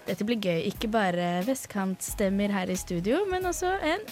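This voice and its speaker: Young adult woman, radio host, casual chatty presenting, medium pitch, faint music behind. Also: big pitch swings, darkish tone.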